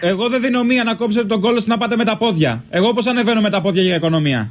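A man's voice: high voice, natural voice. A man voicing a rude, stingy middle-aged tenant in a comedy prank phone call. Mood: dismissive. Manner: blunt, dismissive.

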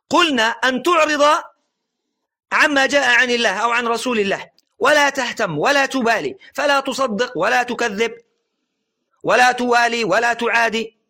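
رجل بصوت عالٍ ومشرق يلقي درساً دينياً. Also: male voice, gravelly, sharp tone. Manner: earnest lecturing, repeatedly urging listeners to pay attention; slow stressed phrases, drops low at sentence ends. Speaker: religious teacher. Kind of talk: recorded religious lesson.

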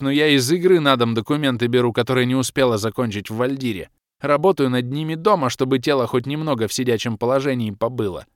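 A man's voice: mid-range voice, no echo, close to an everyday voice. A man reading an audiobook, voicing a tired, sardonic young woman with a dry, sulky delivery. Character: weary sharp-tongued young woman, a baroness.

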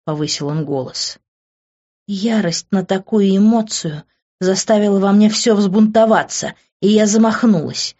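A woman's voice: mid-range voice, a little slow, mellow, muffled recording. A woman reading a first-person novel aloud as an audiobook narrator, with emotional, intimate storytelling.

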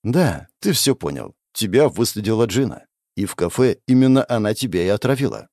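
A man's voice: on the low side, expressive, brisk, darkish tone, no echo. A man voicing a burly, scarred bald doctor who speaks bluntly and dryly. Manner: blunt, dry, matter-of-fact.

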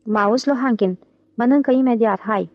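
A woman's voice: a little high, no room sound, lo-fi sound, close to an everyday voice. A blunt, impatient wife speaks curtly in this audiobook scene, read by a woman in her own voice. Her irritation stays plain and unadorned. The sound is dry and close. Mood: scolding. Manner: curt and irritated.

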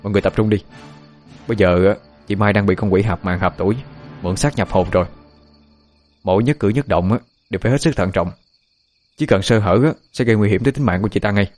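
A young student exorcist acted by a male storyteller talks in a low voice. He is earnest and cautious, urgently explaining to his companions in a supernatural audio story, with soft music behind. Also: fast, long pauses, lightly acted. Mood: urgent caution.

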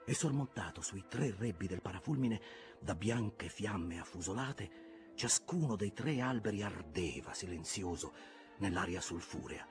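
A man narrating an audiobook of a classic novel in a calm, measured reading. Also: deep voice, soft background music. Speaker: audiobook reader. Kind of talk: scripted narration.

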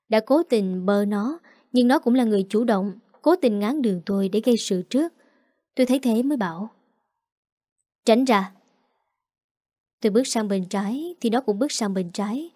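A woman's voice: medium pitch, dark tone, dry recording, studio quality. A woman narrating a dramatic first-person story.

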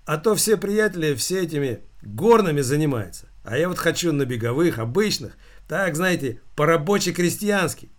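Jovial teasing director, read by a man, raised pitch, hearty banter. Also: sing-song, normal speed, few pauses.

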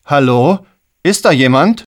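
A man voicing a flustered, indignant middle-aged homeowner who shouts in an audiobook. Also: a little high, animated, slow, no echo, studio quality, voice pushed up, full character voice. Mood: outraged. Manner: agitated, shouting. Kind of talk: audiobook character voice.

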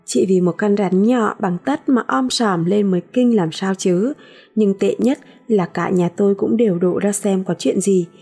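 A woman reads a first-person novel as an audiobook in a measured storytelling voice. Her tone is mellow and slightly breathy, with soft music faintly behind her. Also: mid-range voice. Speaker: audiobook narrator.

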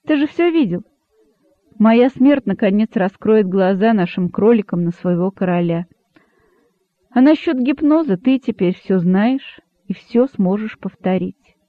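A man reading an audiobook, voicing a wise, sad old rabbit who speaks calmly and gravely. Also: sits high, no echo. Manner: calm, grave, measured. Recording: dry, narrow phone-like sound.

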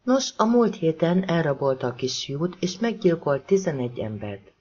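Husky male audiobook narrator. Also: fairly high pitch, very animated, mellow, muffled recording.

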